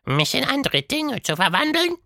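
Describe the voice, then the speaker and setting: A man voicing a wild, playful male monster in a high, squeaky, exaggerated voice. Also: sing-song, moderate pace, gravelly, bright, forceful tone, dry recording, clean studio sound, exaggerated voice. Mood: musing.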